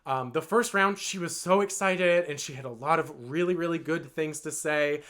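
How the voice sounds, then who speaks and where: A man's voice: on the high side, moderate pace, fairly bright tone. A man telling a long storytime vlog in an earnest, rambling way, full of "like" and "um". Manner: rambling and earnest, with many "like" and "um" fillers. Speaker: vlogger.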